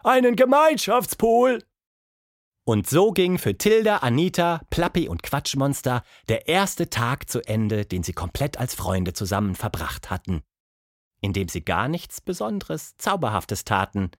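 A man reads a children's story aloud with lively, swinging intonation. His voice sits in a middle register and the recording is close and dry. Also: a little slow, no room sound. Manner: expressive, voices characters with pitch jumps. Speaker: narrator. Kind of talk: scripted storybook narration.

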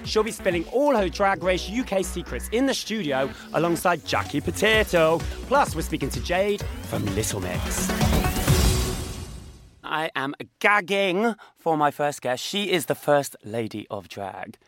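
A man's voice: fairly high pitch, very animated, measured pace, fairly bright tone, faint music behind. A man hosting a radio show, camp, playful and gushing with his guests in the studio. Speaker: radio host.

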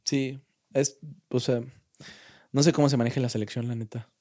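A man's voice: mid-range voice, fairly even intonation, normal speed, darkish tone. A young man with a Mexican accent, chatting casually on a podcast, slangy and full of restarts and fillers. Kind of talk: casual chat.

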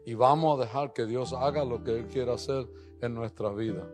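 A man preaching a sermon, telling stories and building up to loud exhortation, with English phrases mixed into his Spanish. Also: normal speed, over music. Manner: storytelling, swings from low asides to loud rising exhortation.

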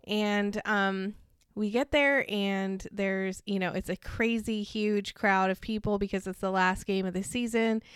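A woman's voice: medium pitch, clean tone, no room sound, clean studio sound. A woman telling stories in a casual podcast interview, rambling a little and laughing often. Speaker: podcast guest and co-host.

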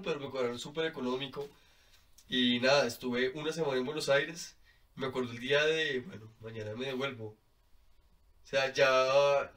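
Colombian male guest, mid-pitched, chatty and animated, laughs a lot, slightly distant mic. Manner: animated, laughs often, fills with "como". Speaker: podcast guest. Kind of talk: casual storytelling.

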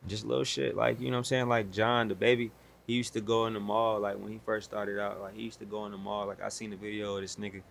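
Fast, gravelly young American man. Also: lowish voice, flat delivery, fairly bright tone, a little hiss or hum. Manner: slangy, profane, emphatic street talk. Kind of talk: casual chat.

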